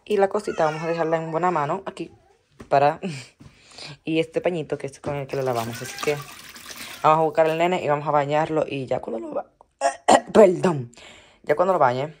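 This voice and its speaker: Chatty young mom. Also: female voice, darkish tone. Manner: chatty, talks to baby in a high cooing voice. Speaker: mother vlogging her baby's routine. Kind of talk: casual vlog narration. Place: home nursery, indoors.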